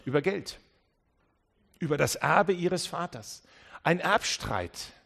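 A man preaching a sermon. His voice sits a little high. He delivers with drama, rising to urgent warnings and dropping to hushed, low asides. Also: lively intonation, slow, vocal fry, husky. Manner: dramatic, acts out voices in dialogue.

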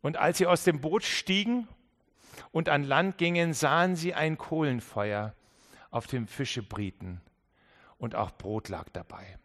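A man preaching a sermon to a congregation, emphatic, dropping to quiet low asides and repeating key phrases for weight. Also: animated, measured pace. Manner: emphatic, swings between loud stresses and quiet low asides. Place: church service with an audience.

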